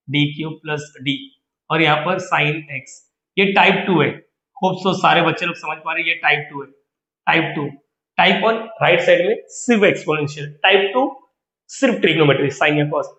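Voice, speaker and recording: Male maths lecturer, slightly high voice, coaxing Q&A teaching manner, echoey lo-fi recording. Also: moderate pace, bright, forceful tone. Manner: coaxing, asks questions and answers them himself. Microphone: screen recording with digital board. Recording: echoey room, dull lo-fi audio.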